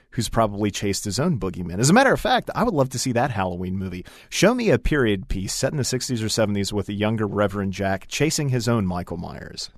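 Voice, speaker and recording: A man's voice: lowish voice, dry recording, studio quality. A man hosting a podcast, talking articulately and with enthusiasm. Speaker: podcast host. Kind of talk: casual podcast chat.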